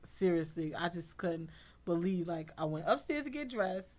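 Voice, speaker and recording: A woman guest on a talk show, a fashion designer telling stories in a blunt, chatty way and jumping into a high voice to act out what people said. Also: moderate pace. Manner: lively storyteller, acts out quotes in a high voice; blunt, chatty, says "honey" often. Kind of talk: casual talk-show interview.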